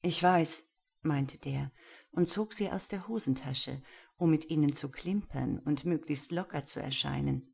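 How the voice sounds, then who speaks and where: Woman reading a story out loud, deep-ish voice, kinda breathy. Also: unhurried. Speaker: narrator.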